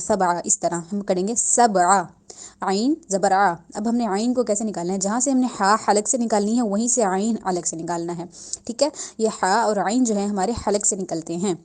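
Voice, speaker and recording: A young woman teaching Quran recitation in a slow lesson, patiently repeating each sound and drawing words out. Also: mid-range voice, darkish tone. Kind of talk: slow word-by-word tajweed lesson.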